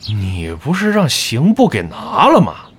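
An actor playing a haughty, suspicious, greedy official in an audio drama. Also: male voice, medium pitch, very animated, normal speed, slightly rough. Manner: haughty, self-important.

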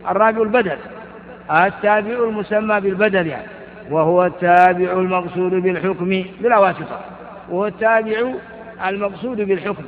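A man's voice: high-pitched, fairly even intonation, a little fast. An older man teaching Arabic grammar in a lecture. He reads lines from a text and explains them with repeated examples and questions. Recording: tinny phone-like sound with long hall reverb.

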